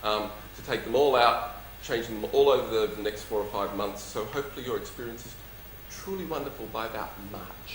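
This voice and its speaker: A man with a slight lisp fields audience questions at a live talk. He is emphatic and dryly humorous, in a medium-pitched voice. The room echoes around him and there is faint noise behind. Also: a little fast. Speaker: company executive presenting and taking audience questions. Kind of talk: public talk with question-and-answer session. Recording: roomy echo, faint background noise.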